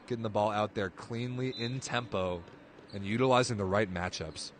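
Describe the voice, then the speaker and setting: A man's voice: lowish voice, normal speed, a little hiss or hum. A man calling a volleyball match live, play-by-play, his voice jumping up on big plays. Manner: excitable, voice jumps up on big plays. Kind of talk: live sports commentary.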